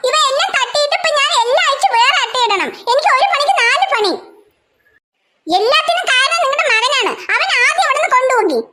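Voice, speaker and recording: A woman's voice: very high voice, lively intonation, fairly quick, full character voice. A woman voicing an exasperated cartoon mom. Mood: scolding. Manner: scolding, exasperated, chatty asides to viewers. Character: harried young mother, scolding and exasperated. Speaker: channel host. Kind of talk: cartoon voice acting. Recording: loud background noise.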